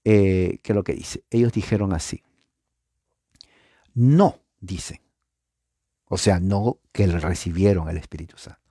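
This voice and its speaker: A man preaching a Bible teaching, talking to his listeners with rhetorical questions and sudden rises in pitch for emphasis. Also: a little slow, long pauses, husky, studio quality. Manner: animated, pitch jumps up for emphasis and acted-out echoes.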